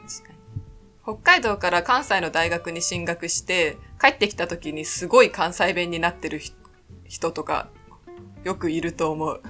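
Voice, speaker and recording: A woman's voice: fairly low pitch, a little slow, pushed and bright, faint music behind. A woman from Sapporo chatting casually as a podcast co-host, attentive and agreeable in how she responds. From Sapporo, Japan. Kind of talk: casual chat.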